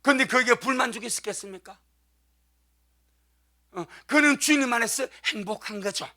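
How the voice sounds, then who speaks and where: A man's voice: very high-pitched, normal speed, pushed and bright. A man preaching a sermon as pastor, fervent and emphatic, often calling out amen.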